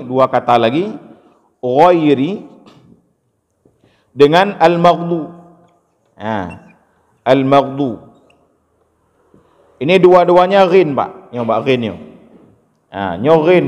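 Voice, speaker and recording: A man teaching a class how to pronounce each word of a recitation correctly. He patiently explains each sound, then chants the word slowly as a model. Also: mid-range voice, lively intonation, a little mellow. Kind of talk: step-by-step recitation lesson. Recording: long hall reverb.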